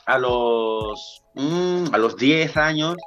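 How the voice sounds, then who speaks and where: A man's voice: mid-range voice, lively intonation, very slow, a bit bright, clear, resonant tone, dull audio, soft background music. A man in his thirties from Ecuador with an Ecuadorian accent, a dancer chatting as a podcast guest, rambling with many restarts. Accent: Ecuadorian Spanish. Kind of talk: casual podcast interview.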